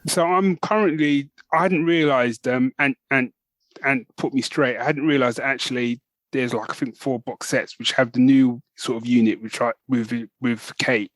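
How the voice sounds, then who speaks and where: On a rough recording with no echo, a podcast co-host speaks in a mid-range voice at a moderate pace and with fairly even intonation. He chats enthusiastically and casually, rambling and often starting over.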